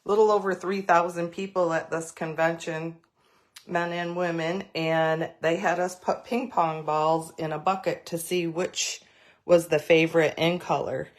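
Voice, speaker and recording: A woman's voice: on the low side, fairly even intonation, unhurried. A woman giving a live craft demonstration, chatty and rambling, greeting viewers by name as she goes. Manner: rambling with many fillers and restarts.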